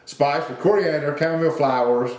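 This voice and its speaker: A man's voice: fairly high pitch, a little fast, a little mellow, echoey room. A man co-hosting a casual beer review chat, reading notes with fillers and restarts. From North Carolina. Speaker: beer review podcast co-host.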